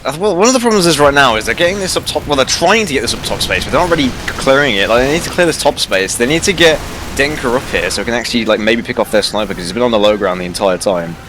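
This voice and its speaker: A man commentating a match live as an excitable, exclamatory esports caster. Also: mid-range voice, fast, noisy background.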